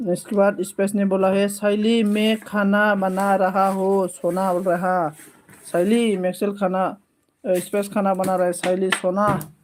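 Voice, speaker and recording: Slow, halting man with a Bodo accent. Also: sits high, a little hiss or hum. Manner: slow and halting, with many fillers, repeating thanks. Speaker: livestream host. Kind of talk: casual livestream chat, reading out comments.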